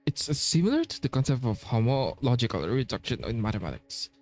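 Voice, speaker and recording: With game music in the background, a streamer reacts to gameplay and reads lines aloud in a relaxed, casual way, swearing freely. The mid-range, darkish voice swings widely in pitch and runs a little fast.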